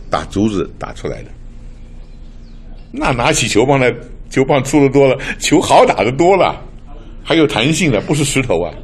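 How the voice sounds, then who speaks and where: A man's voice: fairly low pitch, slight background noise. An older man from Taiwan preaching in a chatty, storytelling way, laughing often and mixing in English words. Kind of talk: sermon with personal stories.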